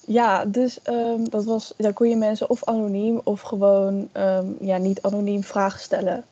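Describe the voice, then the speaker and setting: A woman's voice: mid-range voice, flat delivery, normal speed, mellow, no echo, dull audio. A young woman in casual podcast chat, telling a long personal story with many fillers and quoted asides. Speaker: guest storyteller.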